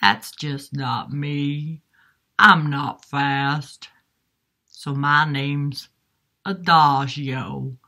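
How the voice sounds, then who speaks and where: A woman voicing a slow, easygoing music character in a children's lesson, drawing out each word. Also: low-pitched, steady tone, pushed and bright, full character voice. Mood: lazy. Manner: drawn-out, unhurried. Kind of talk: puppet-style music lesson.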